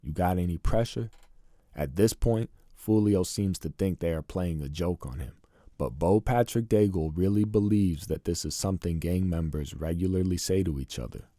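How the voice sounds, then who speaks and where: A man narrating scripted commentary in an indignant, deliberate tone. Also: sits low, mellow, no echo, clean studio sound.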